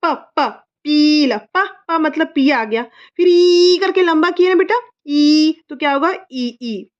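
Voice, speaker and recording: A mother coaches her child through English spelling in a high, unhurried voice. She stretches each letter sound and repeats words over and over, asking gentle questions. The recording sounds a little dull and lo-fi. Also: lively intonation. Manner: patient, repetitive coaxing questions. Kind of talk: phonics lesson for a child.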